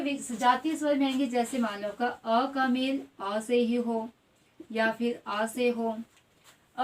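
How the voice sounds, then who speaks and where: Hindi-coaching woman saying "ठीक है" a lot. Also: a little high. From India. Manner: repeats "ठीक है" constantly, spells out vowels slowly. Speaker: Hindi grammar teacher. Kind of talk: exam coaching lesson. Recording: voice at a distance from the mic.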